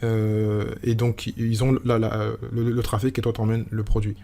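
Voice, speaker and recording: A man's voice: on the low side, little pitch movement, measured pace, warm tone. A man hosting a solo podcast, talking informally and rambling with many restarts and fillers. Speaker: podcast host.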